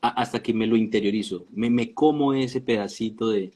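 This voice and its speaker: A man from Colombia, a music teacher, calmly explaining things as the guest of a casual live-stream interview over a video call. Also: on the low side, moderate pace. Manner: calm and explanatory, restarts words.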